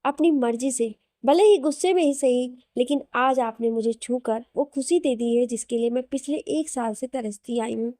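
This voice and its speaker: A woman voicing a hurt but loving young wife who speaks softly and emotionally. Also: a little high, moderate pace, few pauses, no echo, clean studio sound, close to an everyday voice. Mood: tender. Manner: soft, pleading, emotional.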